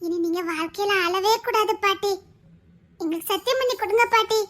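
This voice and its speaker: A woman's voice: very high voice, a little fast, fairly bright tone. A woman playing a devoted young granddaughter who speaks with a Tirunelveli Tamil accent, pleading and adoring in a comedy skit.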